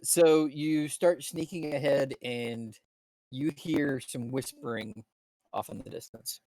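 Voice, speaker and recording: A man runs a tabletop game for his players, stumbling through his scene descriptions with plenty of fillers and restarts. His voice sits at a middle pitch, and the sound is close and dry, with almost no room echo. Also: fairly even intonation, darkish tone. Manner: halting, full of fillers and restarts. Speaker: dungeon master.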